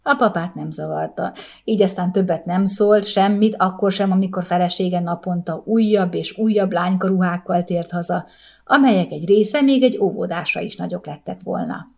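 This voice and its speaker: A woman narrating a short story as an audiobook, in a calm, measured, gentle way. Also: fairly low pitch, vocal fry.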